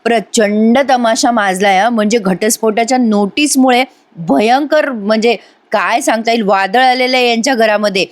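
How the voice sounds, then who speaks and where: A woman's voice: fairly high pitch, moderate pace. A woman giving a chatty voice-over recap of a TV serial episode, speaking straight to her viewers. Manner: chatty, addresses viewers directly. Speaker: TV serial reviewer.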